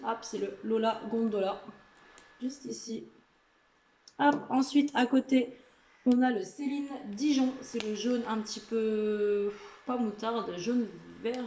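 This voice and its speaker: A woman's voice: fairly high pitch, warm tone, reverberant, a little hiss or hum, rough recording. A woman vlogging casually about a nail polish haul, chatty and gushing, with lots of filler words. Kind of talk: casual product haul video. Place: indoor room with a lamp.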